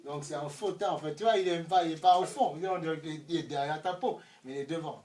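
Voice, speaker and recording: A man preaching a sermon with fervor, dropping to hushed asides and rising to shouts, firing rhetorical questions at the congregation. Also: fairly high pitch, a little fast. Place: church hall. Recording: echoey room, distant mic, faint noise.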